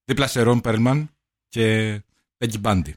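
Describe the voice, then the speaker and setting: A man co-hosting a casual film podcast, dropping dry sarcastic remarks. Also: lowish voice. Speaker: podcast co-host.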